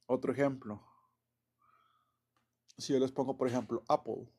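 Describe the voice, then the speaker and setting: Man, mellow voice, rambling teacher, lots of fillers and chuckles. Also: medium pitch, fairly even intonation, a little slow, husky. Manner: loose and chatty, many fillers and self-corrections, chuckles often. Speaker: English teacher. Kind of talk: casual classroom explanation.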